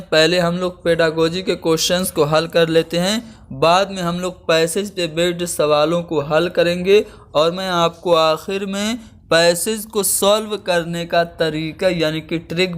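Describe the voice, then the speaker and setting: Man, teacher, slightly high voice, patient step-by-step explaining. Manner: explains each term again in simple words, slows down for example sentences. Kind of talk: exam-prep lesson.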